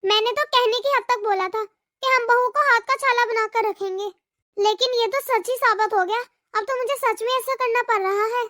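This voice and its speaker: A woman's voice: very high-pitched, moderate pace, pushed and bright, no echo, studio quality. A woman voicing an anxious middle-aged mother-in-law in a cartoon, fretting and musing aloud to herself. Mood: worried.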